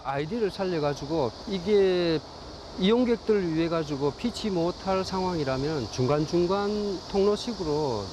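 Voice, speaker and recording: A man with a slightly high voice explains things as an expert in an unscripted field interview. He is outdoors, with clear ambient noise and insects behind him. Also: lively intonation, moderate pace. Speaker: expert commenting on habitat. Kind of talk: spontaneous on-site interview explanation. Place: outdoors in a park.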